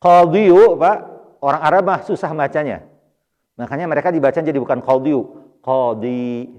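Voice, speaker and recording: Speaking fast in a fairly high voice, a man with a Sundanese accent teaches Arabic grammar at a mosque study circle. His explanations are patient, and he repeats Arabic terms with stress. It was recorded in the mosque hall, sounding dull and lo-fi with reverb.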